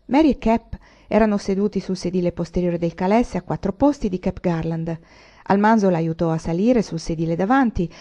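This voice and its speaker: Measured woman reading a novel aloud. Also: fairly low pitch, mellow. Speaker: audiobook reader. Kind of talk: audiobook reading. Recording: muffled lo-fi recording.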